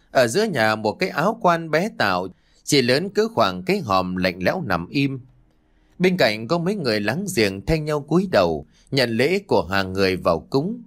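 A male audiobook narrator telling a mournful story. His pitch rises and falls a great deal as he reads. The delivery is somber and dramatic, paced as scripted storytelling narration.

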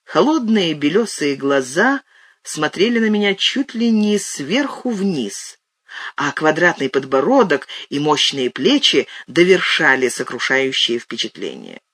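A man narrating an audiobook with expressive, animated storytelling. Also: on the high side, unhurried, husky, no room sound, clean studio sound. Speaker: audiobook reader. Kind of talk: scripted narration.

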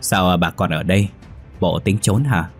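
A man's voice: deep voice, moderate pace, soft background music. A man voicing plain, chatty village farmhands who gossip offhandedly.

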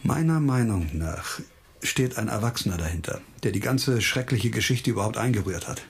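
In a radio crime drama, a man plays a stubborn, wry police investigator, speaking deliberately, insistently and sardonically with a determined mood. His voice is lowish, animated and gravelly.

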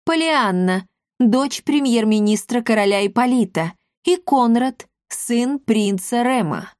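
A woman's voice: a little high, lively intonation, unhurried, darkish tone, no room sound, studio quality. Brief: sly villainous lady sorceress, mocking and gloomy, put on by a woman narrator, storybook. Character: mocking sinister noblewoman sorceress.

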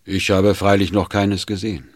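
A man voices a cool, taciturn older doctor who answers in short, matter-of-fact phrases. His voice sits low and deep. The recording is dry and close. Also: little pitch movement, normal speed, dry recording. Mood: terse.

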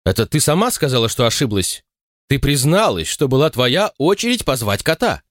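Cranky old spinster woman, snappy and lively, man voicing her, dry sound. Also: lowish voice, moderate pace, no room sound. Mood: angry. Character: stern elderly spinster woman, quick-tempered.

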